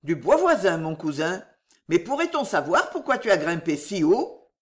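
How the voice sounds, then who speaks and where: A storybook reader voicing a sly, flattering male fox who coaxes in a lively voice. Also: medium pitch, moderate pace, close to an everyday voice. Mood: coaxing. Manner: coaxing, wheedling.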